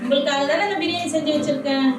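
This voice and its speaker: A woman voicing a caring mother in a church puppet show, talking gently and comfortingly. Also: sits high, steady tone, rapid-fire, lightly acted. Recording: echoey hall, distant mic, music.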